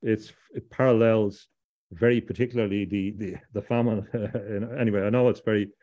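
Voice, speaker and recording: A man's voice: on the low side, fairly even intonation, normal speed. Rambling middle-aged man, dull lo-fi audio. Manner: rambling, repeats words and restarts often. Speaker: podcast guest. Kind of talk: discursive interview talk.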